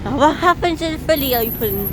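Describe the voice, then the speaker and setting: A woman vlogging outdoors on her phone, excitedly reading out bus fleet numbers and number plates in a casual chatty way. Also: high-pitched, brisk, over a noisy crowd. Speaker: transport enthusiast vlogger. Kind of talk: casual spotting commentary. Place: outdoors by streets and bus stops. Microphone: handheld phone. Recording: noisy outdoor phone recording. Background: traffic and street noise.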